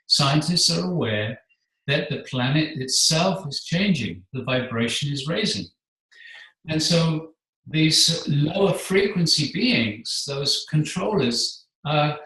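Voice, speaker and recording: A man speaking as a guest, explaining his spiritual work in a measured, earnest way. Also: on the high side, a bit bright. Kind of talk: calm explanatory conversation. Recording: echoey room, distant mic.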